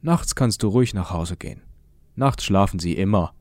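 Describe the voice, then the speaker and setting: A man voicing a kindly older man with bent legs, speaking gently and coaxingly in an audiobook reading. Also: deep voice, expressive, normal speed, dry recording, clean studio sound.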